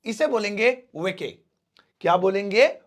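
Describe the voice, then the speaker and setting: A man teaching a spoken English lesson, explaining slowly and repeating each word with everyday examples. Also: sits high, animated.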